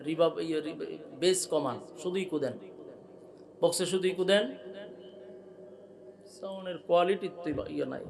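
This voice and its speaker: High-pitched angry preacher man. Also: moderate pace, gravelly, long pauses, a little mellow. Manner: giving orders to the sound operator. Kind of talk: sermon. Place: outdoor sermon gathering with loudspeakers.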